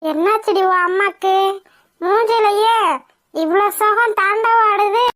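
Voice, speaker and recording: Scolding cartoon granny. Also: female voice, very high voice, a little slow, crowd noise. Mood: teasing. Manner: teasing, scolding. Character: nagging old grandmother, sharp-tongued teasing granny. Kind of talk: cartoon voice acting.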